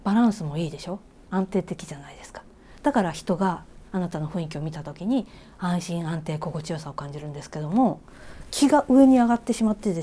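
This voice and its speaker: A woman reiki teacher with a Kansai accent, giving a casual spoken lesson and asking the listener questions, with soft whispered asides. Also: on the low side.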